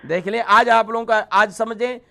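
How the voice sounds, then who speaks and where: Brief: male TV teacher, high-pitched voice, patient and repetitive, demonstrates each sound on a studio mic. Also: steady tone, sharp tone. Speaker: host teaching letter pronunciation. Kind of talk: televised call-in lesson.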